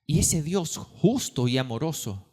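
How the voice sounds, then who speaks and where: A pastor preaches in a high, ringing male voice. He builds to loud, urgent peaks and then drops to near-hushed lines, pressing his listeners with question after question. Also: animated, unhurried, breathy edge. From Venezuela. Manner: impassioned, swings between loud and hushed, rhetorical questions. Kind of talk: sermon. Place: church.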